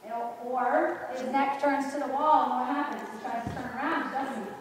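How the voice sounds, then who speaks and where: A woman riding instructor coaching a live lesson with brisk, projected commands, firm and instructive, often checking understanding with questions. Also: high voice, a crowd in the background. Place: large echoey riding arena. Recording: echoey hall, distant mic, background noise.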